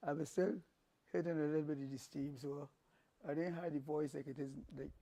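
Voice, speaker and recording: A little high and creaky, the voice of this older calypsonian moves briskly as he tells rambling stories in a casual interview. He's animated and repeatedly starts his tales over.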